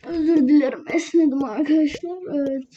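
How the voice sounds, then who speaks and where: A woman's voice: high voice, a little fast, warm tone. A woman hosting her own gaming channel, giving casual commentary while grumbling and ranting at the game. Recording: lo-fi with background noise.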